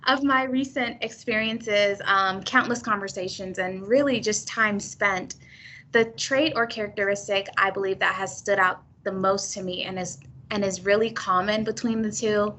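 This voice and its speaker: A young woman speaking as an interview guest, upbeat and expressive, laughing often as she talks. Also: mid-range voice, normal speed, rough recording. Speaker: guest, university staff member and new lecturer. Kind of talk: conversational interview.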